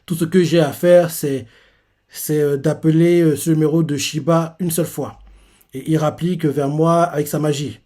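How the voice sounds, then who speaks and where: A scheming young woman fighter answers with a quick, sly yes and then explains her clever plan. Her voice is lifted high in the lies, as a man puts her on. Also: steady tone, warm tone, lightly acted. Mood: explaining.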